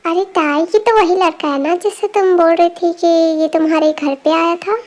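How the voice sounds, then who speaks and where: A chatty, boy-crazy young woman who gossips and giggles, as a woman voices her. Very high, bright voice in a plain home dub. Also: fairly even intonation, normal speed. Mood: gossipy. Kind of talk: amateur voice dubbing.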